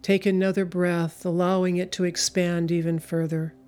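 A woman leading a guided meditation in a slow, soothing, hypnotic way, with long pauses between phrases. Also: on the low side, little pitch movement, mellow. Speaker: spiritual speaker and meditation leader.

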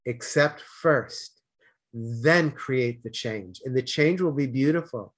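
As a guest in a casual interview, a middle-aged Bostonian with a Boston accent speaks earnestly, growing loud whenever he gets animated. He has a medium pitch and takes it slowly.

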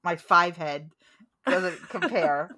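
A woman co-hosting a podcast in casual chat over a video call, excitable, joking and quick to laugh. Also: lowish voice. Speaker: podcast co-host.

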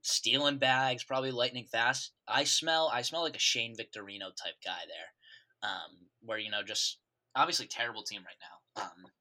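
A man's voice: mid-range voice, normal speed, pushed and bright. A man co-hosting a casual sports podcast, teasing his partner and giving loose, opinionated takes. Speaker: podcast co-host.

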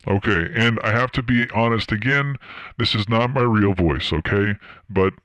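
A man talks through a voice changer that shifts him down into a deep, unnatural register. He speaks haltingly on a phone call, stumbling over fillers and restarts. The sound is dry and close, with no room around it. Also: a bit bright, smooth, no echo. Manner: hesitant, halting, many fillers. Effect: voice changer, deep pitch-shifted. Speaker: caller baiting a phone scammer. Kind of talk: casual phone conversation.

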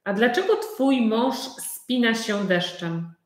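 Very slow-spoken woman teacher. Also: on the high side, lively intonation, reverberant. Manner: very slow, simple questions repeated for learners. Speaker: Polish conversation teacher. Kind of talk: live online conversation class.

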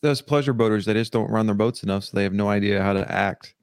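A man on a casual podcast, making quick short remarks. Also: on the low side, clear, resonant tone, dry recording, clean studio sound.

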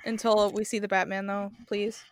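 A woman's voice: medium pitch, little pitch movement, normal speed, no echo. A woman co-hosting a late-night podcast in casual chat, laughing often and swearing bluntly. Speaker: podcast co-host.

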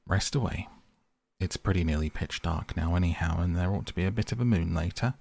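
A hearty, steady water rat, as a man puts him on in a storybook reading, gravelly and husky in a low register. He sounds calm, soothing and sure of himself, close and dry. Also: fairly quick. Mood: brisk. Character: good-natured brave male water rat, steady.

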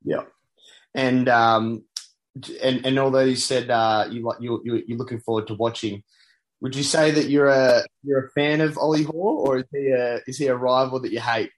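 Male interviewer, mid-pitched, casual, stumbling lead-ins. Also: steady tone, moderate pace. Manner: hesitant, stacks up fillers before questions. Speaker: interviewer, host.

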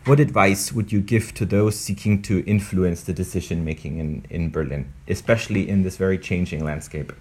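Lower-pitched male interviewer. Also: moderate pace, few pauses, a little mellow. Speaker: interviewer, host. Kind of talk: moderated political interview.

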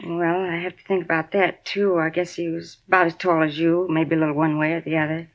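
In a 1950s radio drama, an actress plays a chatty, flustered middle-aged woman who manages an apartment building, rambling, sounding defensive and repeating herself. Her voice is fairly low with a flat delivery, a fairly quick pace and light acting. The broadcast sounds dull and lo-fi.

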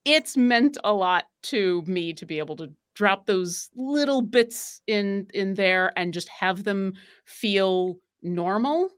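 A woman from New York State chatting casually as a podcast guest, often pausing with fillers and restarting her sentences. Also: medium pitch, clean tone. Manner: hesitant, many fillers and restarts. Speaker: podcast guest, tabletop game player. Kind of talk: casual chat.

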